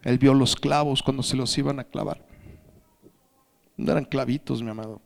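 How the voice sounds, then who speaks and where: A man preaching a sermon as pastor, asking the congregation questions and swinging from hushed whispers to shouted emphasis. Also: mid-range voice, steady tone, normal speed, creaky.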